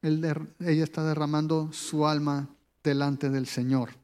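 A high-pitched man delivering a sermon. He preaches conversationally, often turning to ask the listener questions. His voice carries a long reverb, as if filling a large hall. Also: level tone, measured pace, darkish tone, smooth.

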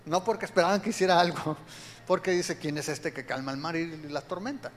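A man preaching a sermon, animated, acting out the voices he quotes. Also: on the high side, brisk, in a large hall, a little hiss or hum.

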